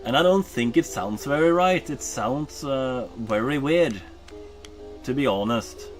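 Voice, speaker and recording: Soft music plays behind a Norwegian gamer whose voice is medium-pitched and animated. Unhurried, he rambles in casual stream chat, dropping lots of ums and uhs and fixing his own words.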